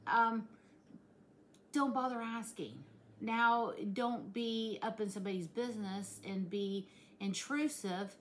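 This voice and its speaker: A middle-aged woman, chatting casually to camera in a plainspoken, earnest, folksy way. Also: mid-range voice. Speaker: vlogger. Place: home kitchen, indoors. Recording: clearly noisy home recording.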